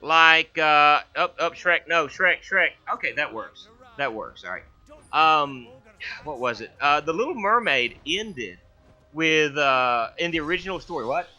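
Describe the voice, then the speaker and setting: A gaming channel host plays through a casual let's-play without hurrying, his slightly high voice expressive, pushed and bright. He rambles, often stammering and starting over. The recording is dull and lo-fi, made with a headset gaming mic.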